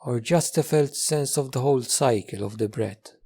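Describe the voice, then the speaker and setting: Speaking in a mid-range voice with a breathy edge, a male teacher leads a guided meditation. His instructions are gentle and measured, with repeated phrases and long stretches of silence.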